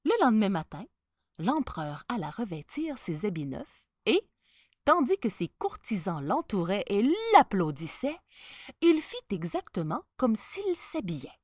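Slow, lively woman reading a storybook. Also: mid-range voice, no echo, studio quality. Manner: hushed, dramatic pauses.

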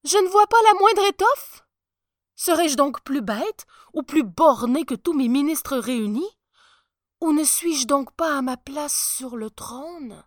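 A woman's voice: mid-range voice, huge pitch swings, moderate pace, few pauses, fairly bright tone, dry recording, clean studio sound. A woman voicing a vain, anxious male emperor who frets and stammers in a storybook reading. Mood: panicked. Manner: fretful, stammering bluster.

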